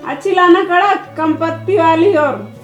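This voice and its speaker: A woman's voice: very high voice, measured pace, muffled recording. A woman playing a bossy older mother-in-law in a family skit, barking orders at her daughter-in-law and doting on her own daughter. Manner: commanding, scolds her daughter-in-law, soothes her daughter. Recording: echoey room with music behind.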